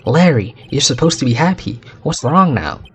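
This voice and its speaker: A man's voice: mid-range voice, big pitch swings, moderate pace, a little hiss or hum, natural voice. A man voicing an earnest young male defense lawyer in a courtroom game, polite and upbeat.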